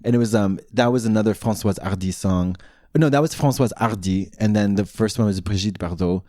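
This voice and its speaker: A man's voice: fairly low pitch, fairly quick, mellow, no echo, studio quality. A man co-hosting a podcast in casual chat, campy and playful, slipping in and out of silly voices. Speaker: podcast co-host.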